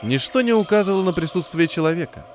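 A man narrating an adventure novel with expressive, varied intonation. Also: high voice, fast talker. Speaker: audiobook narrator. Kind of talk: scripted narration. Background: soft music.

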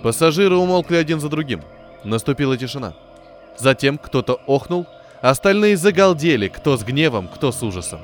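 A man narrating an adventure novel with expressive, varied intonation. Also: fairly high pitch, fairly quick. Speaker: audiobook narrator. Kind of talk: scripted narration. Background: soft music.

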